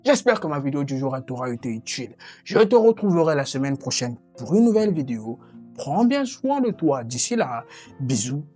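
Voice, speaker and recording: Woman, very low voice, English teacher, direct and encouraging, faint music under. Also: sing-song, a little fast, darkish tone. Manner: direct, encouraging, addresses viewer as tu. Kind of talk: online English lesson.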